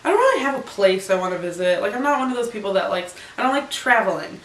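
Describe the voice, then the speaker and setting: With a medium-pitched, slightly bright, sing-song voice, this young woman talks fast in a casual, rambling vlog. She giggles as she answers questions in her bedroom, recorded by a distant camera in an echoey room.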